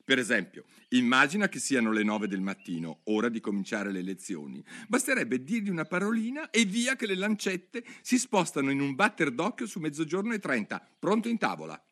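Male narrator as an indignant, excitable hatter: high, loud, bright, sing-song outbursts. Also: a little fast, hardly any pauses. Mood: theatrical. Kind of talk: audiobook reading.

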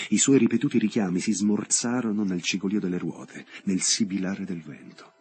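Low, very husky male narrator. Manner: measured, dramatic reading with long pauses. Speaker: audiobook reader. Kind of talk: scripted literary narration.

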